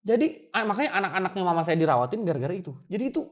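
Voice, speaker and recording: A young man, speaking quickly and in a somewhat raised pitch. He recounts a hard personal story to his interviewer with strong emotion, often addressing him respectfully. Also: very animated. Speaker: guest.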